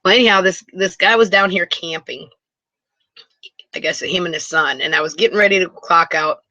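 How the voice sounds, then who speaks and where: A woman from Wisconsin chatting live with viewers from inside her motor home. She rambles and restarts often and gets excited easily. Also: fairly low pitch, normal speed, dry recording, lo-fi sound. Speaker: live stream host. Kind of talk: casual live chat with viewers. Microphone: computer mic for a video hangout.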